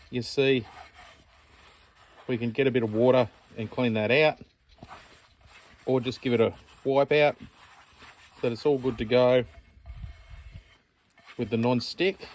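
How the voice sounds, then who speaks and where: A man hosting an outdoor channel, casually demonstrating a camp stove in a relaxed, rambling, chatty way. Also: medium pitch, slight background noise.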